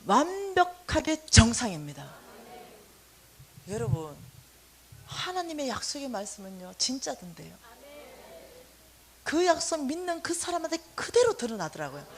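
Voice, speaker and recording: A woman minister giving a testimony sermon, telling her story with animated storytelling and acting out the dialogue. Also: high-pitched, moderate pace, pauses often.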